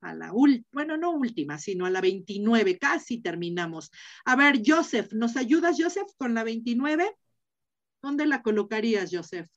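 A middle-aged Mexican woman lectures on Latin grammar to her students over a video call, her voice sitting a little high. She talks in a chatty, rambling way, asking questions and filling pauses. The audio sounds dull and lo-fi. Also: sing-song. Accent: Mexican Spanish. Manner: chatty, asks students questions, many fillers. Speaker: Latin teacher. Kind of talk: online class lecture.

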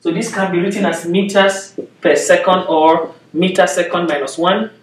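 A man in his thirties with a Nigerian accent gives a physics lecture at a classroom whiteboard, working through it step by step and often asking "okay?". His voice is high, his intonation fairly even, and his speed normal. A far camera mic captures him from a distance in an echoey indoor room.

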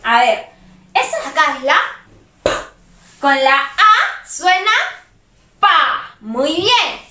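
High, sing-song woman teacher. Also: very animated, slow, pushed and bright. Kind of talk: online reading lesson for young children. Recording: roomy echo.

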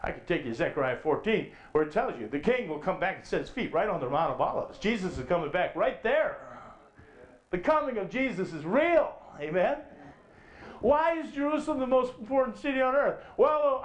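On a conference stage, a middle-aged preacher speaks at a moderate pace in a high, very animated voice. He stands at a lectern, emphatic, asking rhetorical questions and lifting his voice on scripture quotes; the hall echoes.

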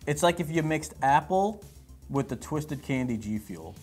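A man's voice: fairly high pitch, animated, a little slow, a little mellow, soft background music. A man hosting a casual unboxing chat with his wife, joking and rambling with self-deprecating humor. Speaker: host.

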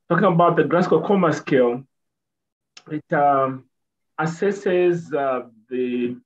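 Middle-aged man, slightly high voice, measured lecturing with fillers, muffled video-call sound. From Zambia. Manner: measured, repeats points, many fillers. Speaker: nurse presenter. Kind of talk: explanatory lecture. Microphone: webcam on a video call. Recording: dull video-call audio.

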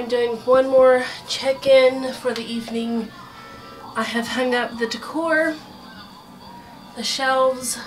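A young woman with a fairly high voice narrates a casual home vlog indoors at night, showing what she's working on around the house. Chatty and relaxed, she often drops into a late-night whisper. It's shot on a handheld phone camera, and the audio is poor.

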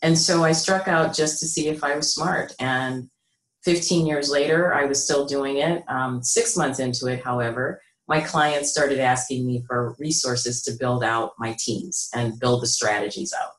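In an interview held over video call, a middle-aged American woman who consults for businesses explains what she does, measured and conversational, with fairly even intonation. Her voice has a rich, deep, low register. Recorded on a computer mic in a small room at home or an office, it sounds echoey and roomy.

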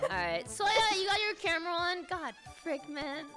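A woman's voice: very high voice, normal speed, loud music behind the voice. A woman hosting an online stream in casual chat, with a cute, girlish, whiny anime-streamer manner.

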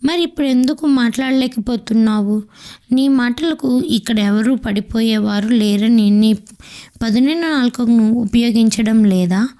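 A man's voice: very high-pitched, measured pace, dark tone. A woman reading the lines of a cruel young husband who mocks his wife in a scornful way. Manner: mocking, scornful.

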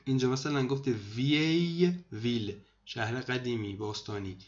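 A man teaching vocabulary to students in a screen lesson, repeating each word slowly and explaining it. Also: medium pitch, lo-fi sound. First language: Persian. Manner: repeats words slowly, addresses students as kids. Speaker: language teacher.

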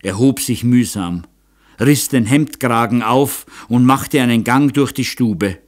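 A man reading an audiobook in a measured, dramatic way. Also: medium pitch. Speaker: audiobook narrator. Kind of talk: scripted narration.

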